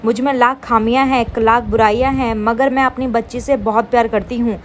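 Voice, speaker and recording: Woman reading a defiant sharp-tongued young mother. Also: fairly high pitch, steady tone, brisk, slight background noise, natural voice. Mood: bitter. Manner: scolding, sarcastic retorts.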